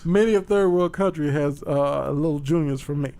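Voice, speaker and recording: A man's voice: on the high side, normal speed, dark tone, clear, resonant tone. A man co-hosting a comedy podcast, trading crude, boastful jokes in casual banter. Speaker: podcast co-host.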